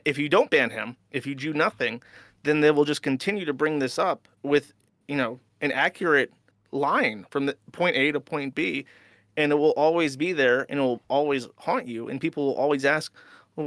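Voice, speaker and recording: Male caller, methodical debater, a touch higher pitch, dry mic. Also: lively intonation, normal speed, a bit bright, dry recording. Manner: reasoned, persistent arguing. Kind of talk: heated call-in debate.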